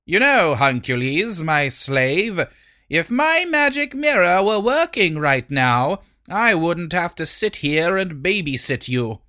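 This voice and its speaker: A man voicing a haughty, menacing evil queen with a sharp, commanding manner in a storybook reading. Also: a little high, sing-song, takes it slowly, voice pushed up, heavily acted.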